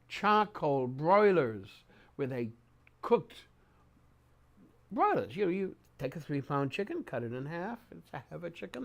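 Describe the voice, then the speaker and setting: An older man reminiscing in an oral-history interview, speaking haltingly with repeated words and pauses mid-sentence. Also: on the high side. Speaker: interviewee recounting memories.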